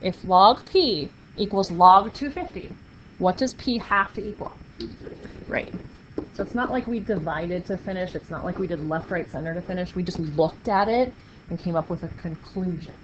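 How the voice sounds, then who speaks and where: A woman's voice: lowish voice, normal speed. A woman teaching a math class, upbeat, playful and encouraging with her students. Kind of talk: classroom lecture. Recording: muffled classroom recording with faint noise.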